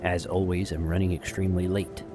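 Low-voiced man chatting over a game. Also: level tone, brisk, music in the background. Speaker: gaming video host. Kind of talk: casual rambling gameplay commentary.

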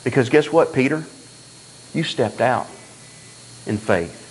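A man preaching a sermon in a church, telling stories in a folksy, animated way and acting out the dialogue. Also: medium pitch, slow, a little hiss or hum, poor audio. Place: church sanctuary.

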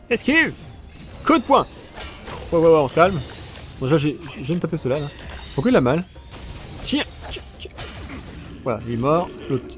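A man playing a video game and commenting casually, joking along the way. His fairly high voice swings widely in pitch, and he shouts out his attacks during fights. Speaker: let's play gamer.

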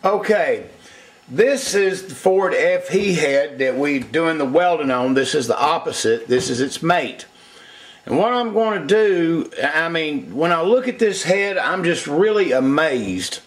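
A man's voice: a little high, lively intonation, measured pace. Folksy man explaining engine work. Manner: folksy, enthusiastic, plain-spoken. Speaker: cylinder head porter. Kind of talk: workshop demonstration. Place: workshop.

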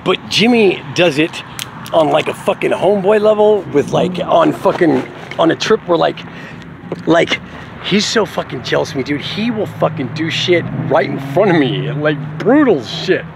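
A man's voice: on the high side, animated, normal speed, gravelly, background noise. A middle-aged man venting in a rambling, profane monologue to camera, swearing constantly and laughing now and then. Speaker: vlogger.

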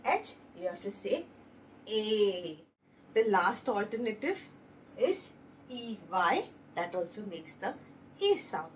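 Slow, sing-song woman teaching phonics. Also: on the high side, far from the mic, slight background noise. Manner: slow, sounding out letters one by one, stressing each word; encouraging, addresses listeners as babies. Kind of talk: phonics lesson for parents and teachers.

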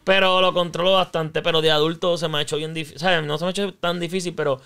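A man's voice: a little high, steady tone, rapid-fire, a bit bright, clear, resonant tone. A young man from Puerto Rico with a Puerto Rican accent, chatting as a guest and telling his story, dropping English words into his Spanish. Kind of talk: casual interview storytelling.

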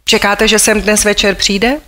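A woman's voice: mid-range voice, little pitch movement, a bit bright, natural voice. Phryne Fisher, read by a woman, breezy. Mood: calm. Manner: breezy, offhand and kindly. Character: poised, unflappable young society woman detective. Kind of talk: audiobook character voice.

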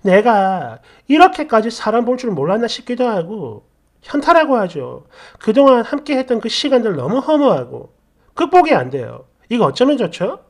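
A woman's voice: on the high side, big pitch swings, moderate pace. A woman narrating a story in the first person, sounding indignant and aggrieved as she complains.

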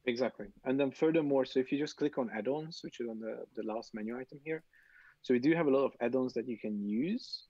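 A man guest explaining a software tool in a casual, hesitant way with fillers. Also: mid-range voice, quick pace, no echo, highs cut off. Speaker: guest developer advocate.

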